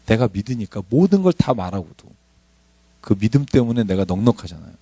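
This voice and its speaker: Animated male pastor preaching. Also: fairly low pitch, fairly quick, no room sound. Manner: conversational, animated, joking asides. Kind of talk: sermon.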